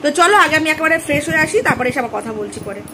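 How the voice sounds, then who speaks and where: Starting out on the street and ending up at home, a mother narrates her day in a casual daily vlog, speaking directly and chattily to viewers. She sounds high, animated, and racing, with a noisy background behind her.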